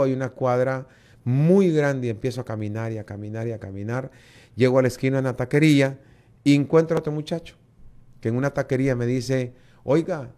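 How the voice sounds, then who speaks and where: A man with a Guatemalan Spanish accent tells his story as an interview guest. He gets animated, putting on the voices of the people he met and doubling up on words as he goes. His pitch sits in an ordinary middle range. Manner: lively storytelling, acts out dialogue, repeats words. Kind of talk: testimony in an interview.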